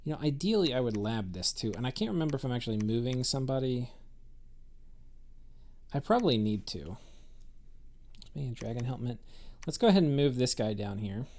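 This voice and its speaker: A man's voice: medium pitch, very animated, a little fast, long pauses, darkish tone. A man giving casual, rambling commentary on a strategy game he is playing, thinking aloud with many fillers and restarts. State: has the hiccups.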